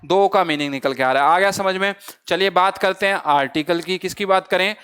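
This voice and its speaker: Man, high smooth voice, grammar teacher, asks and answers his own questions, teasing. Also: fairly quick, sharp tone. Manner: asks the class a question, then answers it himself; calls listeners brother and friends. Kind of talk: exam-prep grammar lesson.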